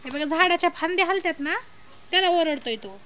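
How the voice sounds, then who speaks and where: A woman's voice: very high-pitched, animated, fairly quick, pushed and bright, a little hiss or hum, rough recording. A young woman filming her baby outdoors under the trees, chatting to the camera and coaxing the child in a sing-song voice. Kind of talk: casual home vlog, talking to camera and baby.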